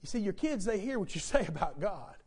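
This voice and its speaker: A man's voice: high voice, sing-song, a little fast, darkish tone, breathy edge. A man preaching a sermon as pastor, building emphasis through repetition.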